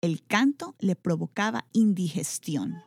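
A woman narrating a children's story aloud in an expressive, animated manner. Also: on the low side, measured pace, vocal fry, dry recording, clean studio sound.

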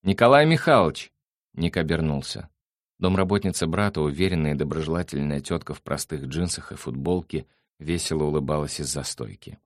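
A man narrating a novel in a measured, even storytelling manner. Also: a bass voice, no echo, studio quality. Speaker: audiobook narrator. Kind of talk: scripted narration.

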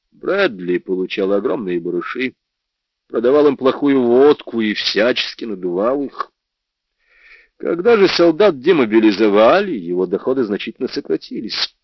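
A man reading a first-person crime novel aloud in an expressive, dramatic way. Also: mid-range voice, dry recording. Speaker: audiobook reader. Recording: dull, lo-fi dry recording.

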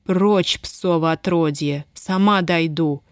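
A hoarse, defiant young peasant woman, as a woman reading a story voices her. She speaks desperately and with scorn, close to the reader's own pitch, in a dry reading. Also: takes it slowly, no room sound. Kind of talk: audiobook character voice.

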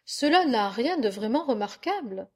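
A woman doing a sly flattering fox. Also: a little high, moderate pace. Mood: dismissive. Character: sly smooth-talking male fox. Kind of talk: audiobook tale reading.

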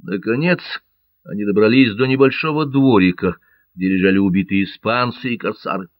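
A man reading an adventure audiobook in a measured, dramatic way. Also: on the low side, no room sound, muffled recording. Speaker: narrator. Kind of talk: audiobook narration.

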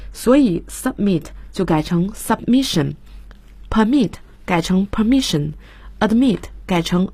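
A woman's voice: mid-range voice, darkish tone, slightly rough, no echo. A woman teaching English vocabulary on a radio lesson, explaining patiently and spelling words out letter by letter. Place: radio studio.

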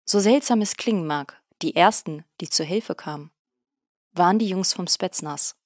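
A woman narrating an audiobook in a steady, measured storytelling manner. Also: fairly low pitch, no echo, studio quality.

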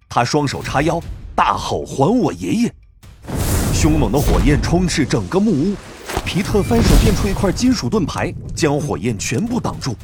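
A man narrating a novel audiobook in a dramatic, expressive storytelling manner. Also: fairly high pitch.

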